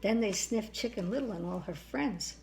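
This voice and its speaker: A woman's voice: medium pitch, moderate pace, gravelly, dark tone, slight background noise, rough recording. A sweet older woman, grandmotherly, narrating a children's story aloud.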